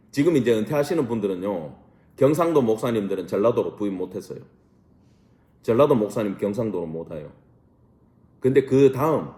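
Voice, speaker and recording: Male pastor, Bible study lecture, animated pitch, rhetorical questions, echoey church room. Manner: lively, asks the class rhetorical questions, mixes casual and polite speech.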